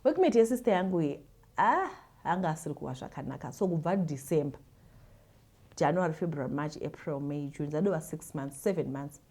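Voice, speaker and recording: Brisk and animated, this host speaks in a deep, slightly mellow voice with a Zimbabwean accent. She reads out listener confessions and offers advice in a casual way, repeating words and dramatizing her retellings.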